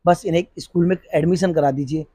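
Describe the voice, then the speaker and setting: Earnest high-voiced Indian policeman. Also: fairly even intonation, quick pace, mellow, husky, no room sound. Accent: Hindi. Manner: earnest, repeats and restarts while searching for words. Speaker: police officer running a free school. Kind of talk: interview answers.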